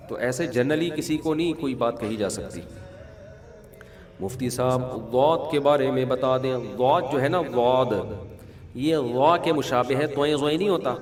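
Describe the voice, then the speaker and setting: Male mufti, mid pitch, chatty Q&A style with jokes, long hall echo. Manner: conversational, humorous anecdotes, asks listeners if they follow. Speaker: mufti answering questions. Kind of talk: religious Q&A talk.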